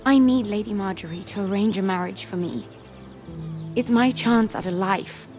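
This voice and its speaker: A woman's voice: mid-range voice, moderate pace, over music, close to an everyday voice. A young woman acting an anxious, earnest handmaiden in a medieval fantasy video game, speaking in a hesitant, confiding way. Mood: pleading. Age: young adult. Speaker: actor voicing a video game character. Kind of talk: dramatic video game dialogue.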